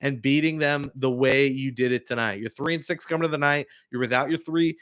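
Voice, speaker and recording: A man hosting a live postgame reaction show, talking through the game with excitable, joking fan commentary. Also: medium pitch, brisk. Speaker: sports talk host.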